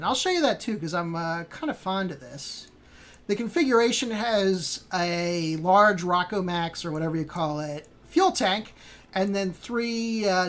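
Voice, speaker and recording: A woman hosting a casual gameplay walkthrough, rambling with many fillers and self-corrections. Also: mid-range voice. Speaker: host.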